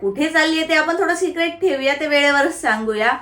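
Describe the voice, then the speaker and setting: A woman's voice: high voice, fast talker, pushed and bright, reverberant. A woman vlogger, chatting casually to her viewers and talking baby talk with a toddler. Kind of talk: casual vlog chat.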